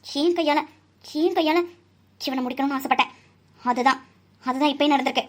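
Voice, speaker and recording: A woman's voice: high voice, brisk, close to an everyday voice. A woman voicing a fierce young woman doctor who takes revenge in a cartoon, scolding and declaiming with fiery force. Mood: triumphant. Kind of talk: cartoon voice acting.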